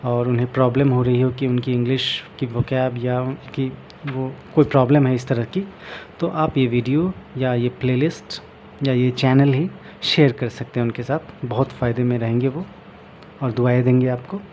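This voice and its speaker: A man teaching English vocabulary, explaining a book and reading passages slowly aloud. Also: mid-range voice, fairly even intonation, a little mellow, muffled recording, a little hiss or hum. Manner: mixes English and Hindi, reads English slowly aloud.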